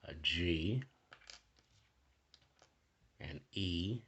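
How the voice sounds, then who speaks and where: A low-voiced man, animated yet speaking very slowly with a fairly bright tone, hosts an improvised tarot reading. He addresses the viewer casually and often checks in with quick tag questions. A little hiss or hum sits under the recording.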